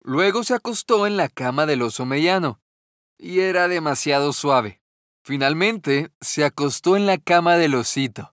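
A man narrating a children's fairy tale in a gentle, measured storytelling manner. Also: fairly high pitch, lively intonation, no room sound, studio quality.

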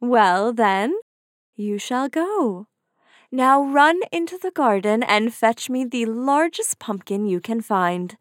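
A woman reading a storybook voices the fairy godmother as a kindly older woman who speaks gently and coaxingly, slowing down on her words. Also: on the high side, lively intonation, no echo, studio quality.

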